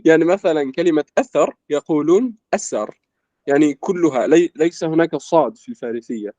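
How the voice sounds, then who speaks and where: A young man from Egypt, a language student in an interview, explaining at a measured pace with lots of filler words. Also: on the high side, dark tone, no echo, muffled recording. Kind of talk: casual conversation in formal Arabic.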